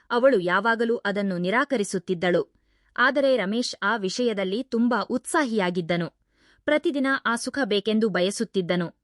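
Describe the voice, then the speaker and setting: A woman narrates a first-person story at a mid pitch, in a steady, even storytelling read. The sound is dry and close, with no room around it. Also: no echo.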